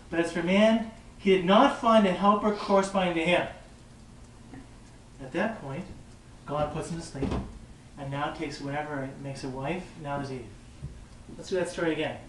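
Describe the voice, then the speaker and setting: A man, a rabbi, giving an informal classroom lecture, lively and conversational, joking with and quizzing his listeners. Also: on the high side. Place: classroom or study hall. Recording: echoey room, mic far off, faint background hiss.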